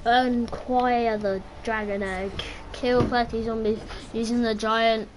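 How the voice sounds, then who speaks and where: A woman's voice: a little high, flat delivery, takes it slowly, background noise. A woman giving casual gameplay commentary, chatty and joking, talking to herself while she plays. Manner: chatty, joking, talks to self while playing. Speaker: gamer.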